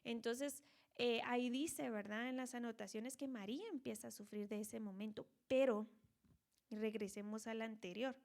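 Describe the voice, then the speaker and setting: Higher-voiced woman teaching scripture conversationally. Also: steady tone, normal speed, creaky, a little mellow. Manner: conversational, frequent tag questions; dramatizes scripture characters. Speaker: Bible teacher. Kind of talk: online Bible study teaching.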